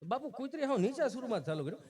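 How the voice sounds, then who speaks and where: A man's voice: very high voice, very animated, very fast, darkish tone, breathy edge. A man with a Kathiawadi Gujarati accent from Saurashtra, performing live folk comedy and teasing his audience in a folksy way.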